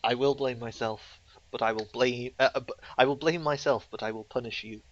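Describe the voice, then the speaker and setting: A man's voice: mid-range voice, steady tone, brisk, a little hiss or hum. A man narrating a tabletop game as game master, rambling and self-deprecating with many fillers, on a slightly muffled recording.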